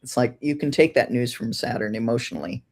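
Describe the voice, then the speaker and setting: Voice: mid-range voice, expressive, quick pace, a little mellow. A co-host on an astrology talk show with a mid-range voice. The delivery is casual and explanatory, working through an idea step by step and weighing both sides. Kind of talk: casual conversational astrology discussion.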